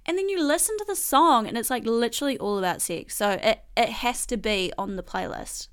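A young woman hosting a casual song countdown, talking in an animated, slangy, gushing way. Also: fairly high pitch, brisk. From New Zealand. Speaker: host.

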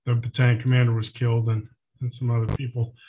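A man in his sixties, an old veteran remembering his service, talking in a halting, matter-of-fact way with many pauses as an interview guest. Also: medium pitch, monotone, highs cut off. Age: 60s. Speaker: interview guest, retired Special Forces soldier. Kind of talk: unscripted reminiscing in an interview.

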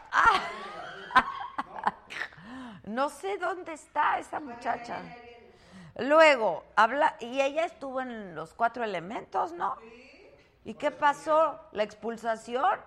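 A woman's voice: sits high, expressive, slow pace, vocal fry, long pauses, fairly bright tone. A woman hosting a live talk show from a hotel, chatty and teasing, reading out viewer greetings and trailing off in repetitions. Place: hotel on the Mexican Caribbean coast.

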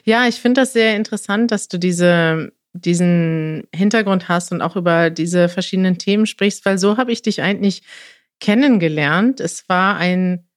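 A woman hosting a podcast, asking her guest questions in a measured, friendly way with a few fillers. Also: fairly low pitch, dry recording, clean studio sound. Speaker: podcast host. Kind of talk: podcast interview.

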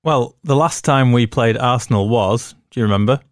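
A man hosting a football podcast, steering the chat with steady questions and stats. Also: medium pitch, moderate pace, no room sound, clean studio sound. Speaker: podcast host. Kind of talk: casual sports chat.

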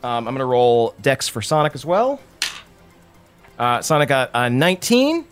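A man's voice: mid-range voice, lively intonation, moderate pace, clean tone, soft background music. A man narrating a tabletop game as the game master.

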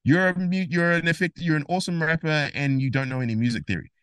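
A man guest on a casual interview podcast, explaining music theory in an animated, emphatic way and acting out imagined conversations. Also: a little high, fast talker, clean tone, dry recording.

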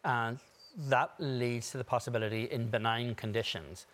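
A man's voice: mid-range voice, fairly even intonation, moderate pace, a bit bright. A man speaking as a golf analyst, giving analytical commentary on the broadcast.

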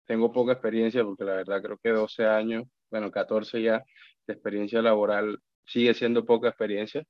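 A Colombian account manager, speaking with a Colombian Spanish accent, is a guest on a casual podcast and reflects aloud, often restarting and repeating words. His lowish voice moves little in pitch and his pace is brisk. The recording has no echo, but the highs are cut off.

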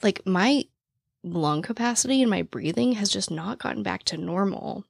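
Fast-talking raspy woman, out of breath. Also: medium pitch, animated, no echo, studio quality. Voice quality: naturally raspy voice with vocal fry. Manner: talks very fast, with laughs and fillers. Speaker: true crime podcast host. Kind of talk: casual chat to listeners. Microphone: podcast mic, standing while recording.

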